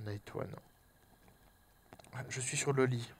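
Un homme à l'français qui commente en direct un jeu d'horreur, entre chuchotements tendus, cris et blagues. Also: male voice, mid-range voice, takes it slowly, breathy edge. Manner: jokey, jumpy, swings from whispers to yelps. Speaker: let's play host. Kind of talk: horror game let's play commentary.

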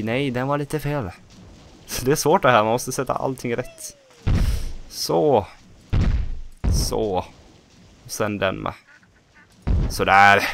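A man's voice: mid-range voice, gravelly, noisy background. A man with a Swedish accent giving casual let's play commentary, chatting to himself and swearing at small mishaps. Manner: chatty, self-talking, swears at mishaps, bursts into excited shouts.

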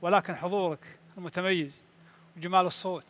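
Quick, courteous judge. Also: male voice, high-pitched, fairly even intonation. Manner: courteous, warmly praising. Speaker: competition judge. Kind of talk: on-air critique.

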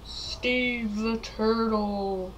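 A woman voicing Steve, a vengeful male turtle who talks in a slow, drawn-out, grudging way. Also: a little high, steady tone, very noisy. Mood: sly.

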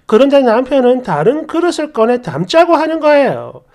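A woman's voice: sits high, sing-song, moderate pace, darkish tone. A woman narrating a reader's story in the first person, in a chatty, exasperated way, speaking straight to her viewers.

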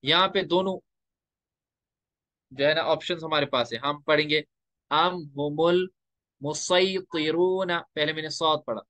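Guy teaching tajweed, bright forceful voice, slightly high, goes slow on the recited bits, dry close mic. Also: steady tone, dry recording. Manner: explains step by step, slows to recite verses. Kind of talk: tajweed lecture with recited examples.

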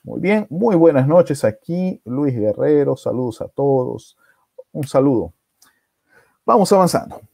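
Man, gravelly voice, swooping lively pitch, dramatic storyteller, tag questions, live-stream host. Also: measured pace, dry recording, clean studio sound. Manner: animated, dramatic retelling with many rhetorical "¿no?" tags and restarts.

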